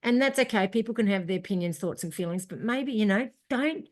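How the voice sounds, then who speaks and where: Aussie woman chatting on a running podcast, blunt and emphatic, gets really animated. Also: medium pitch, fairly quick. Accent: Australian. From Australia. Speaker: podcast co-host. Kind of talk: casual chat.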